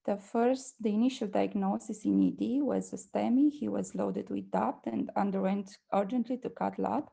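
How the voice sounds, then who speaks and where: A young woman from Romania, speaking with a Romanian accent. She presents a medical case carefully and hesitantly, with many fillers. Her voice is gravelly, dark and mellow. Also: mid-range voice, fairly even intonation, normal speed, few pauses. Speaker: presenting doctor.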